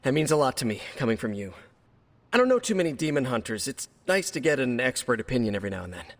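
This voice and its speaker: An actor playing Spider-Man, a wisecracking young male superhero with a quick, jokey delivery, in a video game. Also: mid-range voice. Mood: playful. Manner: quippy, fast, animated delivery. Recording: game audio with hall reverb and music.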